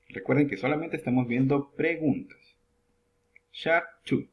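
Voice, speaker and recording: A man teaches English in a lesson, with a voice that swings up and down a great deal as he lifts his pitch to announce each new word. He reads the example questions slowly and carefully before translating them. His pitch sits right in the middle for a man. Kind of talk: classroom lesson narration.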